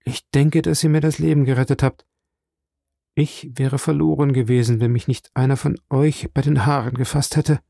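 A resourceful young seaman, earnest and confident, talking his way onto a boat in a storybook reading, as a man voices him. The voice is dark with a gravelly grain. The recording is close and dry. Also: mid-range voice, fairly even intonation, normal speed, no echo. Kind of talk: audiobook reading.

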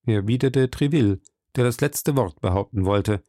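A man narrating an audiobook in a steady, even storytelling manner, close to the microphone. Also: medium pitch, moderate pace, no room sound. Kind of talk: scripted narration.

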